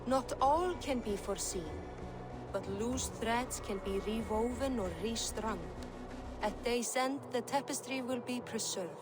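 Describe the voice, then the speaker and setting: A woman as a slow, solemn Norse seeress. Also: fairly high pitch, over music, natural voice. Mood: solemn, ominous. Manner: slow, oracular. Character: solemn prophetic Norse fate-spinner, cryptic and unyielding. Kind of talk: dramatic video game acting.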